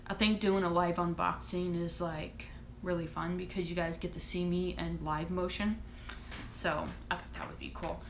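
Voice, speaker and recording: A vlogger and author in her thirties chats casually to camera, rambling and restarting her thoughts. Her fairly low, creaky voice keeps a fairly even intonation at a moderate pace, recorded in an echoey room with a little hiss or hum.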